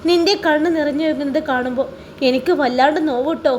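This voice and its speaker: A woman voicing a loving young husband who speaks softly and gently scolds his wife in a storybook reading. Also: high voice, fast, slight background noise, close to an everyday voice. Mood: tender. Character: grieving young adult man, tender loving husband.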